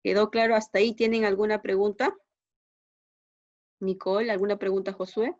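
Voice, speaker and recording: A woman's voice: medium pitch, flat delivery, normal speed, no room sound. A woman teaching a class, speaking patiently and often checking that her students follow with short questions. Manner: patient, checks understanding with frequent tag questions. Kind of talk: online class instruction. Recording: dull, muffled lo-fi class recording.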